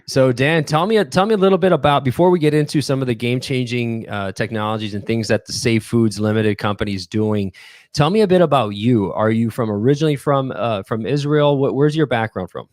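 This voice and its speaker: A man's voice: medium pitch, a little fast, darkish tone, no echo, clean studio sound. A man hosting a podcast interview, upbeat and delivering a scripted show intro. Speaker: podcast host.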